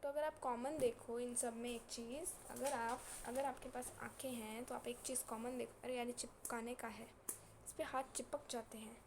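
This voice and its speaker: Over a noisy background, a female science teacher lectures her class at a normal speed in a slightly high, steady-toned voice. Her manner is casual, teasing and scolding, and she repeats points while working in terms.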